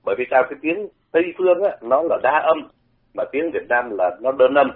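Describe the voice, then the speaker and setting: Over a phone-like radio line, an older Vietnamese commentator walks listeners through pronunciation, frequently repeating words to show how they sound. He speaks fairly quickly with an expressive, medium-pitched voice.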